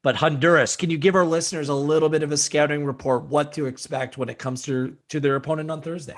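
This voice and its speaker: Excitable man hosting a soccer podcast. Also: fairly high pitch, fast talker. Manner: enthusiastic, excitable. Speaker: podcast host. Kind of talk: casual sports podcast chat.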